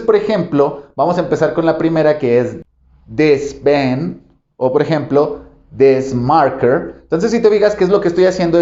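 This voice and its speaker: Guy teaching english, patient and explaining slow, mellow voice, kinda echoey muffled room. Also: on the high side. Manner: patient, explanatory, repeats examples slowly. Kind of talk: video lesson. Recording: roomy, slightly dull sound.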